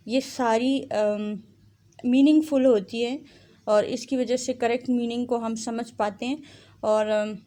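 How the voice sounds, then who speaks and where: A woman teacher with a Pakistani Urdu accent, slowly explaining a school English lesson and reading example sentences aloud with careful pauses. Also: fairly high pitch, mellow. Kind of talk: recorded classroom lecture.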